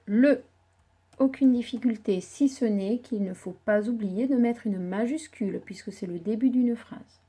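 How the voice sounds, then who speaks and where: A woman primary school teacher, giving a slow, patient dictation lesson to young children, spelling words syllable by syllable. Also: a little high, mellow, husky.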